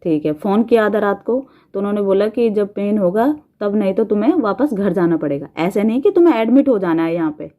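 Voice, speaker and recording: Woman, from India, 30s, casual storytelling, chatty, laughs often, warm mellow voice. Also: mid-range voice, lively intonation, brisk, hardly any pauses. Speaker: vlogger.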